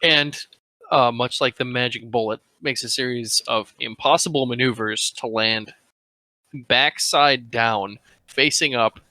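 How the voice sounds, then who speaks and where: A man trading sarcastic quips on a casual movie podcast. His voice is bright and pointed, and it sits close and dry on the mic with no room sound. He delivers his jokes flatly. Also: medium pitch, a little slow, dry recording. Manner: dry, sarcastic one-liners. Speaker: podcast co-host. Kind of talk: casual movie-review chat.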